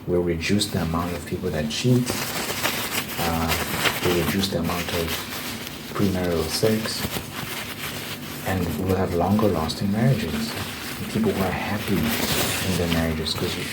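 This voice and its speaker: A man's voice: deep voice, fairly even intonation, measured pace, pauses often. A man giving casual, opinionated relationship advice in a rambling monologue, repeating phrases for emphasis. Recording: clear background noise.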